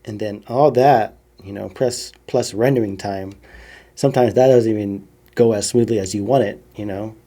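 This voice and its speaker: A man hosts a podcast in a low voice with a lot of vocal fry. His tone is dark and mellow. He chats in an easygoing way and often lets his phrases fade softly. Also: normal speed. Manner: relaxed, trails off softly at phrase ends. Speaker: podcast host. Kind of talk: casual interview chat.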